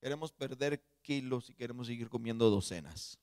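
A man preaching a sermon as pastor, swinging from loud animated bursts to near-murmured storytelling. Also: medium pitch, fairly quick, clean tone, no room sound, studio quality. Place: church sanctuary.

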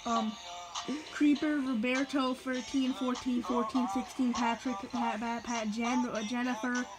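A woman's voice: fairly high pitch, steady tone, measured pace, natural voice, poor audio. A woman voicing a goofy male creeper dad who rambles and jokes, with pop music playing behind. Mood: joking. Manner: silly, rambling, joking.

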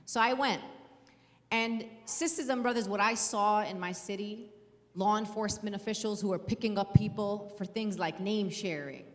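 A woman in her thirties from New City, speaking earnestly and with emphasis at a panel event on a handheld mic. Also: mid-range voice. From New York City. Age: 30s. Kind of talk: impassioned panel talk. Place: event hall, indoors. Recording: hall reverb.

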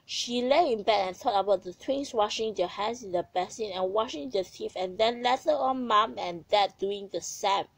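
A woman's voice: mid-range voice, moderate pace, few pauses, no room sound, low-quality recording. Woman reading a children's story aloud. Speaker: narrator.

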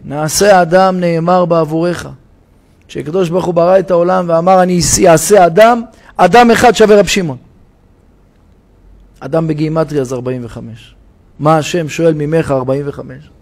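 A rabbi delivers a sermon in a synagogue with a fairly high voice. He acts out his parables with rising cries and sudden drops to a hush. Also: steady tone. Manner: dramatic storytelling, shouting the parable's cries for help.

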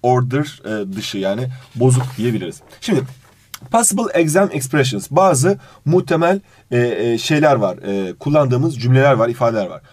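Animated male English teacher. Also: mid-range voice, normal speed. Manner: reads English phrases, then translates them, addressing the student fondly; animated intonation. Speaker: English teacher for exam prep. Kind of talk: exam review lesson.

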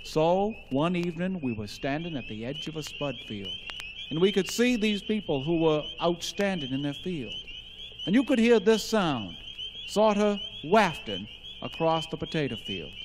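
Deadpan man telling tall tales. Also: on the high side, normal speed. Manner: deadpan, tall-tale jokes. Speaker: band member. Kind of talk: comic spoken intro. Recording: long reverb with noise behind.

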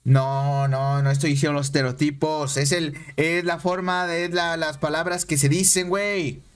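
A Mexican man streaming a game, chatting excitably with viewers and repeating himself. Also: on the high side, normal speed, clear, resonant tone. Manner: excitable, repeats phrases, banters with chat. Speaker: gaming streamer. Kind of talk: casual live-stream chat over gameplay.

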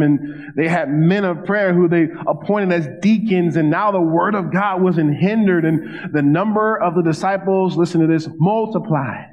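Pastor guy in his 30s preaching at a pulpit, chatty asides, big echoey church hall, kinda dull audio. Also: fairly high pitch. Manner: conversational preaching with asides and repeated phrases. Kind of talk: sermon. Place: church stage at a wooden pulpit. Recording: dull sound with long hall reverb.

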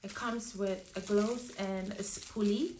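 Her voice slightly hoarse from a cold, a young woman talks slowly and steadily through a casual hair tutorial, often saying um and starting over. The mid-range voice is recorded indoors in her living room by a camera at desk distance. The room is echoey, with soft music and slight background noise.

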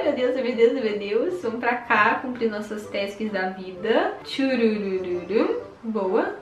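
A young Brazilian woman giving excited, chatty commentary on her own gameplay, shrieking at surprises and muttering through tasks. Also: high voice, echoey room. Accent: Brazilian Portuguese. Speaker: gaming youtuber.

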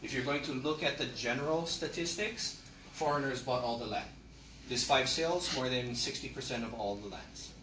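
A middle-aged man lectures on land history in a classroom with a projector screen, speaking emphatically and posing rhetorical questions. His medium-pitched voice is bright and forceful at a normal speed, picked up from far off by a camera in an echoey room with slight background noise.

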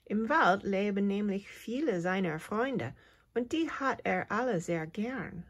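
Slow, expressive woman reading a children's book. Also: medium pitch, breathy edge. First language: English. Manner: expressive storytelling, with sound effects. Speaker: reader.

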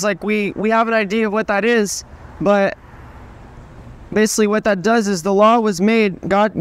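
A man's voice: sits high, clean tone. A young man with a Southern US accent preaching outdoors, reading scripture steadily and then explaining it plainly. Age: young adult. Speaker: street preacher. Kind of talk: open-air street preaching and scripture reading. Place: outdoors on a town street.

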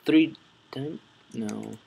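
A man's voice: medium pitch, extremely slow, gravelly, a little mellow, husky. A young man hosting a gaming channel, rambling and correcting himself as he comments on his play and talks to viewers.

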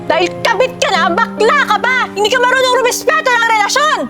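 Very high-voiced furious wife. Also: female voice, a little fast, loud music behind the voice. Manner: loud, accusing, theatrical shouting. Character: furious wife confronting a suspected mistress. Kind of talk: short film acting.

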